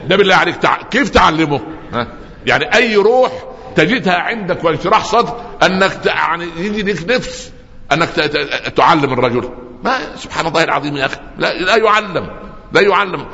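A man preaching a sermon, telling stories lively and joking with the audience. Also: a little high, fast talker, a little hiss or hum. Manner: lively storytelling with humor and audience asides. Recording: dull lo-fi recording with long hall reverb.

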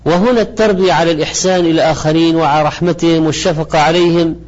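Guy doing an islamic lecture in formal standard arabic, measured and didactic, higher voice, bit lo-fi. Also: fairly even intonation, a little mellow. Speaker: religious lecturer presenting a program. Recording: slightly dull, lo-fi audio.

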